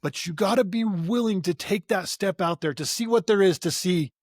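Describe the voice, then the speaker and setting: A man's voice: high voice, moderate pace, dry recording, clean studio sound. A man speaking as a podcast guest in an earnest, motivational way, often repeating his first words as he starts a sentence. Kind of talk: conversational interview.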